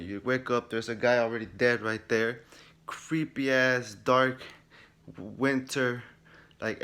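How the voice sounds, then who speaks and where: A male gaming vlogger talks through his first hours of a game from his room at home. His voice sits in a middling pitch, and he tells the story in an animated, swear-heavy way, acting out the reactions as he goes. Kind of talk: casual game first-impressions recap.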